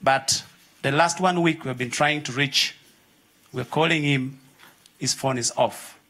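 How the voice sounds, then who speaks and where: A man's voice: medium pitch, a little slow, pushed and bright. Earnest young man telling a story. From Uganda. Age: young adult. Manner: earnest, acts out dialogue in his story. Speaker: audience member telling his story. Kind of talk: personal storytelling at a panel. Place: conference hall audience.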